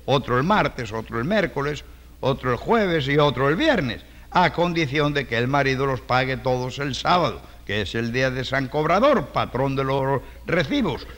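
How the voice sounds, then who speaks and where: A man's voice: medium pitch, expressive, moderate pace, fairly bright tone, lightly acted. A man playing a pompous, flowery shopkeeper. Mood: flattering. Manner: ornate, fawning. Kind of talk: 1940s radio comedy acting. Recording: reverberant old radio recording.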